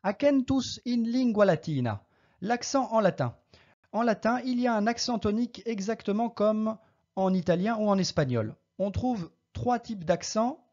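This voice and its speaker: A patient Latin teacher speaks at a mid pitch, with a warm, mellow tone. They say each Latin word carefully, then explain it plainly. The recording is somewhat dull and lo-fi. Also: animated, moderate pace. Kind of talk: recorded language lesson.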